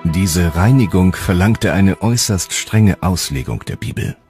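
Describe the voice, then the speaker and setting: A man with a deep, low, darkish voice narrates a historical documentary in a scripted, dramatic way, with music clearly audible beneath him. His intonation is lively and his pace measured.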